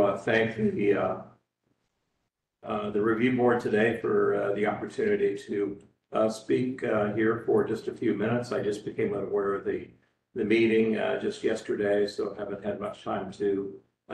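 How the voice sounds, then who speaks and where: A man giving sworn public testimony at a review board hearing as a historical society president, speaking haltingly with many filler sounds. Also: lowish voice. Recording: echoey hearing-room recording from far off, like a courtroom.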